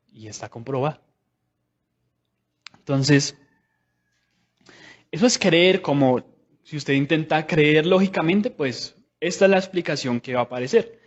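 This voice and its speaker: A man's voice: on the high side, lo-fi sound. A man preaching a sermon in a conversational way, asking the congregation many rhetorical questions.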